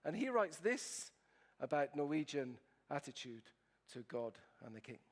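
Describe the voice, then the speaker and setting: Speaker with an Italian accent, higher male voice, playful and teasing with the crowd, keynote delivery. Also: very animated, measured pace. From Italy. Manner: playful, asks the audience questions. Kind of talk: humorous presentation to an audience.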